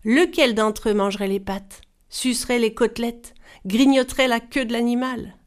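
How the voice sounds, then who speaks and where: A woman storyteller reading a folktale aloud in a measured, expressive style. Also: fairly high pitch. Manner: measured, animated voices for characters.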